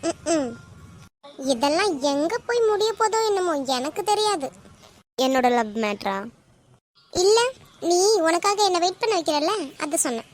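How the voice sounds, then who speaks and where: Woman doing a cartoon college girl, very high squeaky voice, Tamil Nadu accent, teasing, sulky. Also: very animated, normal speed, pauses often, noisy background. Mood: bickering. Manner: teasing, sulky back-and-forth. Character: young college girl bickering with her friend. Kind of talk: cartoon voice acting.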